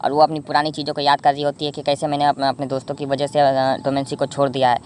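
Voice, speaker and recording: Fast, flat-voiced drama recapper from India. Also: mid-range voice, slight background noise. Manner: rambling, frequent self-corrections and fillers. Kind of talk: casual drama recap narration.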